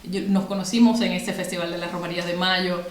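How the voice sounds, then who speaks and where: A woman from Cuba, speaking with a Cuban Spanish accent, talks reflectively as a podcast guest in a conversational interview, with many fillers and restarts. Her fairly low voice is flat and brisk, with a roomy sound.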